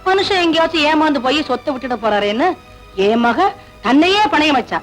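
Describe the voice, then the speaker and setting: A woman's voice: high-pitched, animated, a little fast, a bit bright, low-quality recording. An actress playing a harsh, scheming middle-aged mother who scolds her daughter-in-law. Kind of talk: 1980s Tamil film acting. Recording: film soundtrack with music behind.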